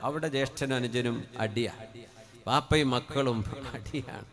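A man from Kerala preaching a sermon into a microphone, dropping to soft conversational asides and rising to loud, drawn-out chanted Arabic phrases. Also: medium pitch. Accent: Kerala Malayalam. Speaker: Islamic preacher. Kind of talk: Malayalam sermon.

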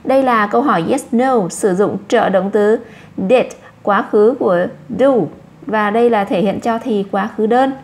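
A woman with a Vietnamese accent teaching English to children, saying each English word slowly twice and explaining it in Vietnamese. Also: mid-range voice, a little mellow. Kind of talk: slow classroom explanation for children.

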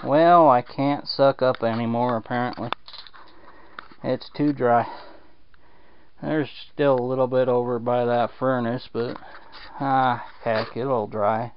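A man's voice: mid-range voice, fairly even intonation, slow pace, long pauses, a little hiss or hum. A man casually rambling with plenty of fillers while filming a home repair walkthrough in a damp basement on a handheld camera. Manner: rambling, drawling, lots of fillers. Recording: dull lo-fi camera audio.

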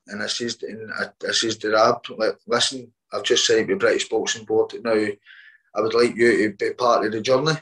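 A man, a boxer, telling his story in a casual interview, halting and repeating words as he quotes what others said. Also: fairly low pitch, steady tone, a bit bright, rough recording.

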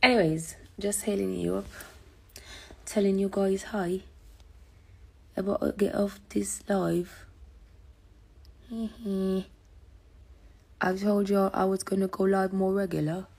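A woman's voice: medium pitch, level tone, slow, vocal fry, long pauses, husky. A young woman with a Jamaican accent chatting playfully on a livestream from her phone indoors. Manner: playful, laughing, mimicking accents. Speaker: singer on a livestream. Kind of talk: casual livestream chat. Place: indoor room. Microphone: phone at arm's length.

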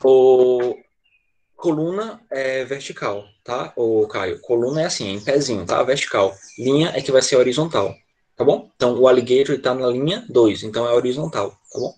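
A man's voice: mid-range voice, normal speed, a little mellow. A man teaching an online English lesson to children, patient and constantly checking in with short questions. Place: online class over a video call.

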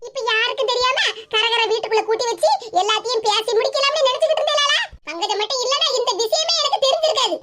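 A woman's voice: extremely high pitch, fast, hardly any pauses, a bit bright, a little hiss or hum. A woman voicing a suspicious old mother who scolds and accuses her son in a Tirunelveli Tamil accent. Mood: angry scolding.

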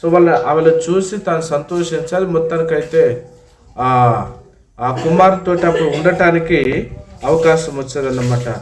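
A man preaching as a pastor, telling a martyr story in a sermon, calling the listeners God's children and pausing often on long fillers. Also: fairly high pitch, crowd noise. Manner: retells a martyr story with frequent drawn-out fillers. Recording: echoey room, voice from a distant mic.

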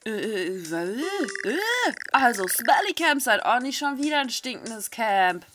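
A middle-aged German woman hosts a gaming video, reading the game's text aloud and adding chatty, candid, foul-mouthed commentary. Her voice sits on the high side with lively intonation and a measured pace. She's indoors at a small home setup, close to a desk microphone, with game music behind her.

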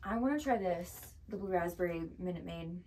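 A woman's voice: on the low side, expressive, moderate pace, warm tone. A woman co-hosting a casual taste-test video, dramatic and squeamish, laughing often. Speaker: co-host.

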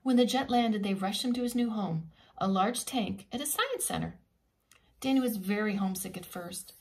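Reading a picture book to children, a preschool teacher uses an expressive, teacherly style with simple asides. She has a medium-pitched voice and keeps a moderate pace.

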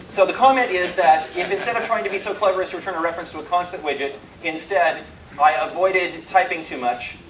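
A man with a slightly high voice gives an informal technical talk on programming, animated and self-deprecating with dry, wry humour. He speaks emphatically and pauses for effect. Recorded indoors in a talk room, the sound is roomy and a little distant from the mic, with some background noise.

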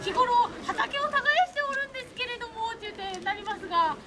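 A humble peasant foot soldier played by a man speaks haltingly and with great deference in old-fashioned polite phrases. It is recorded outdoors, with a loud crowd and heavy noise around the voice. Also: extremely high pitch, lively intonation. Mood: humble, hesitant. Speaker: costumed historical performer. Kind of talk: in-character banter with a samurai lord. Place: outdoor castle grounds beside a stone wall.

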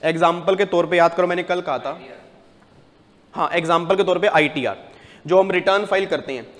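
A man giving a tax lecture to a class, animated, putting questions to the students and answering them himself. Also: high-pitched, normal speed, long reverb tail.

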